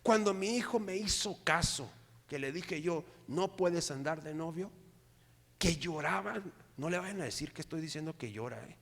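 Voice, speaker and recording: Animated pastor preaching in a reverberant hall. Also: male voice, on the high side, moderate pace, vocal fry. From Mexico. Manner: animated preaching, asks the congregation for agreement. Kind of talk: sermon. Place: church hall.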